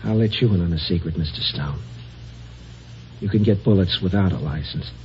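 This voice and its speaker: This actor, with a low voice at a moderate pace and a light acting touch, portrays a nervous middle-aged office man, frightened and desperate, who stammers and tips into panic, his mood bitter. It's done in 1950s radio style, with the dull, hissy sound of an old broadcast.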